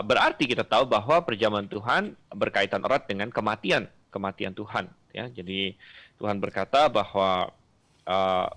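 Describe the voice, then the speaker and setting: Male Bible teacher, lower register, measured, thinks aloud between phrases. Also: fairly bright tone. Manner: thoughtful, pauses with "eh" fillers.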